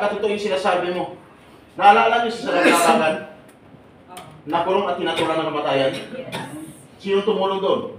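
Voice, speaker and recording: Man addressing a crowd, quizzing and joking, slightly high voice, heavy hall echo. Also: recorded from a distance, a little hiss or hum. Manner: exhorting, asks the audience rhetorical questions, jokes. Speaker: seminar speaker and radio broadcaster. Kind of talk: lively speech to a live audience. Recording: echoey hall, voice off-mic.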